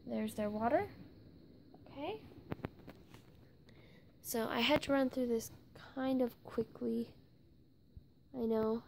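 A young woman casually narrating a tour of her toy horse barn, halting as she lists the names and sometimes dropping to a whisper. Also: a little high, gravelly, darkish tone, a little hiss or hum. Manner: halting, stops to list names, drops into whispers. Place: indoor room with toy barn on carpet.

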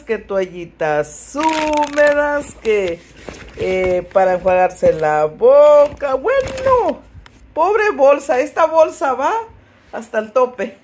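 A woman's voice: a little high, a little mellow, a little hiss or hum. A woman with a northern Mexican accent, chatting casually to her viewers as a vlogger, filming on a phone while working outdoors in a rural field. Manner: chatty, addresses viewers as little friends, playful exclamations. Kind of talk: casual vlog chat to viewers.

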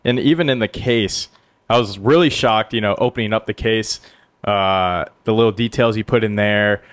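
A man's voice: fairly low pitch, moderate pace, no room sound. A young man co-hosting a podcast in casual, enthusiastic and rambling chat, at a studio mic. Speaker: podcast co-host. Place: small studio. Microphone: headset and studio mic.

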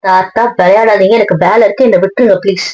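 A woman acting in a family drama as a young doctor, pleading and apologizing at a mid pitch. The sound is dry, close and muffled, lo-fi. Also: fairly even intonation, quick pace, darkish tone, dry recording.

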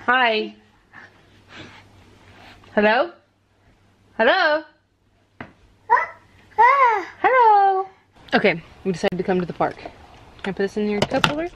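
Young mom vlogger, casual and chatty, bright voice, light baby-talk sing-song, handheld camera with a faint hiss. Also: female voice, mid-range voice, expressive, quick pace. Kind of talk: casual home vlog. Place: at home, then by car at a park.

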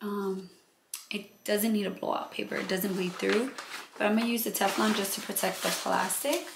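Woman with a gravelly voice walking through a craft project, a bit out of breath, faint hiss behind. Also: mid-range voice, normal speed. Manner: relaxed, step-by-step, thinking aloud. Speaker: crafting channel host. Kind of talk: casual how-to narration.

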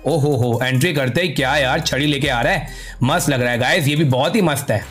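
A man giving casual gaming commentary, excitable and slangy with repeated exclamations. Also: medium pitch, brisk, faint music behind. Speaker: gaming content creator. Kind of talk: casual game skin showcase commentary.

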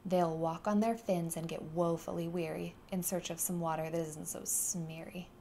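A woman's voice: mid-range voice, moderate pace, noisy background, close to an everyday voice. A woman voicing a small, grumpy old male forest creature who scolds indignantly. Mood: scolding.

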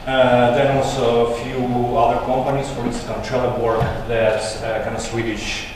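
A native Russian speaker in his thirties gives a tech conference talk in English, using a mid-range voice at normal speed with a level tone, full of fillers and restarts. He speaks into a handheld mic in a large conference room, captured by a far camera. The sound is echoey, distant and noisy.

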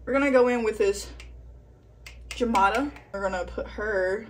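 A woman's voice: medium pitch, moderate pace, slight background noise. A tipsy woman chatting casually through a makeup tutorial, rambling, poking fun at herself and swearing freely. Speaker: vlogger doing a makeup tutorial.

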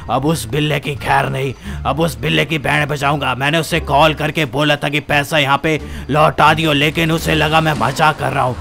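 A man's voice: a little high, steady tone, normal speed, creaky, few pauses, sharp tone. A man doing a drunk mumbling gangster thug. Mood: grumbling. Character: drunk male gangster thug, sulky and vengeful.

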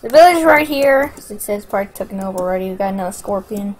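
A woman's voice: medium pitch, quick pace, a little hiss or hum, low-quality recording. A woman playing a survival video game, swearing freely and thinking aloud as she plays. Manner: profane, excitable, thinking aloud. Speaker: gamer. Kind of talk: let's play commentary.

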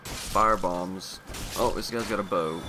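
A man's voice: sits low, slow, music in the background. A man doing casual gameplay commentary as a raging gamer, swearing freely at the game. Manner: foul-mouthed. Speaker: gamer recording a playthrough. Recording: loud background noise, clicks.

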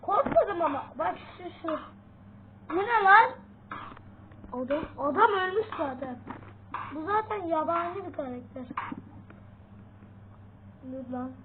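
Jumpy female game streamer with a very high voice, yelps at scares, tinny phone-like line. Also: animated, a little slow, long pauses. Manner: jumpy, yelps at sudden sounds. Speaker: gaming channel host. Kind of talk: casual gameplay commentary. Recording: tinny phone-like sound, faint noise.

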